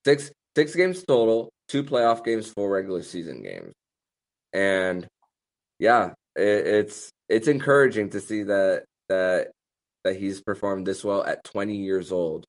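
A man hosting a sports podcast in casual discussion, haltingly repeating words as he thinks. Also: low-pitched, animated.

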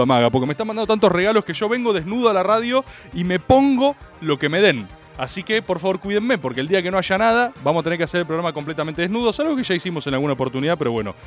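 A man with a Rioplatense accent hosting a comedic radio show, theatrical, jumping between loud outbursts and mock-serious asides. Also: high-pitched. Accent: Rioplatense Spanish. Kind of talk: comedic radio monologue, streamed live. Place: radio studio.

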